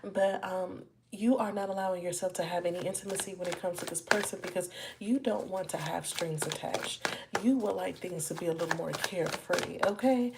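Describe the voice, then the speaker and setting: Brief: woman tarot reader on a livestream, low-ish voice, casual and chatty, noisy room behind her. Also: fairly quick. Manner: chatty, addresses viewers as y'all and baby. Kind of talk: live tarot reading.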